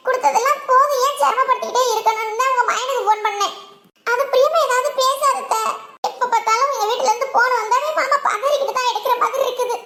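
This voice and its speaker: A woman's voice: very high voice, fairly bright tone. A woman voicing an earnest young village daughter-in-law in a cartoon, with a southern Tamil Nadu dialect and a pleading manner. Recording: roomy echo.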